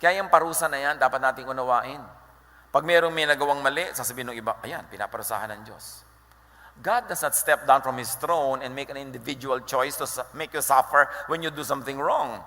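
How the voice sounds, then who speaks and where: A male pastor preaches with animated energy, moving freely between Tagalog and English and quoting scripture. His voice is bright and forward at an ordinary pitch. A long hall reverb trails behind every phrase. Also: brisk. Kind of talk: sermon.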